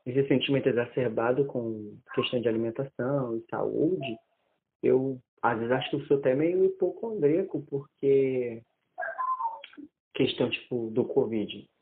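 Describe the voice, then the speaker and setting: A man in his twenties telling a personal story in casual conversation, animated and often restarting his sentences. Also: medium pitch, normal speed. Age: 20s. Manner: animated, acts out quoted dialogue, many restarts. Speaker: interviewee. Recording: tinny phone-like audio.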